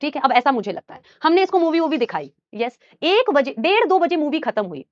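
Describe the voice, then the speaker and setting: A young woman teacher telling a personal story in a casual, animated way, addressing listeners like her students. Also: sits high, fairly quick, no room sound, highs cut off.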